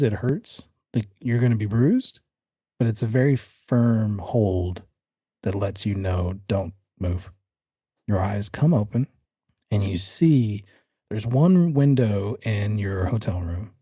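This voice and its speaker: A man with a fairly low, mellow voice serves as game master for a tabletop horror game, speaking straight to the player and describing scenes in the second person. His conversational narration mixes suspenseful storytelling with casual rules talk. The recording is dry and studio quality.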